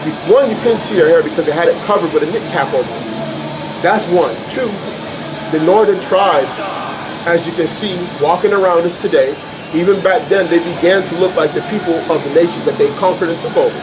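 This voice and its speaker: This street preacher and Bible teacher is an American man whose fairly high-pitched voice moves at a brisk clip against background noise. He teaches scripture in an informal way, pressing his arguments with emphatic, colloquial repetition.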